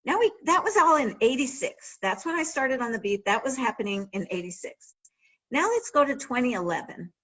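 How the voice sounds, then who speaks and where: A woman's voice: a little high, big pitch swings, brisk, fairly bright tone, poor audio. A middle-aged woman, an author and former sportswriter, telling anecdotes in a conversational library talk and often restarting her sentences. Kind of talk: storytelling talk.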